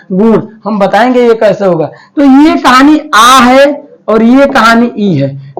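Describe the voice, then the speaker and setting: High-voiced folksy male teacher. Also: poor audio. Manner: folksy, playful, drops into Bhojpuri-flavored dialect with quiz-style questions. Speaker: Hindi grammar teacher. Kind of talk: exam-prep lesson.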